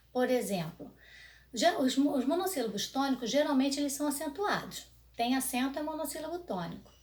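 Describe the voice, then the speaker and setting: A young Brazilian woman teaching an online grammar lesson to children, drawing words out slowly and checking in with "né?" and "tá?". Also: high voice. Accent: Brazilian Portuguese. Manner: slow, stretched words for emphasis, frequent "né?" and "tá?". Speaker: primary school teacher.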